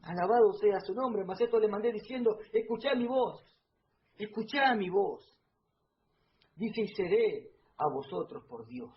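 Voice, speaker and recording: A man preaching a fervent sermon at a church service, swinging between hushed lines and loud emphasis and often calling out to his beloved brothers. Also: sits high, expressive, unhurried, highs cut off, slight background noise.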